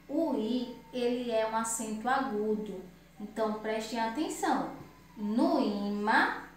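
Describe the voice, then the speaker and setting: A woman teaching grammar to children, sounding out words slowly and firmly. Her voice sits fairly high. She is recorded far from the mic in a very echoey room with faint background noise. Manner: slow, emphatic word-by-word drilling. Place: room at home.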